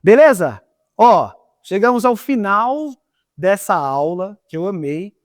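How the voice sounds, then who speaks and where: A man with a Brazilian Portuguese accent teaching a lively online lesson on speaking, coaxing viewers into exercises and demonstrating different ways of talking. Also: high-pitched, slow, no echo, studio quality. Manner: energetic, coaxing, demonstrates voice styles. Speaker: communication teacher.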